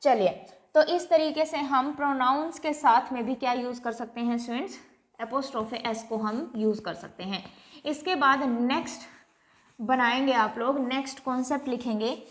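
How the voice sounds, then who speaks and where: A woman teaching English grammar in a classroom lecture, writing on a board, repeating each point, slowly drawing out example words and checking whether the students have understood. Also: sits high.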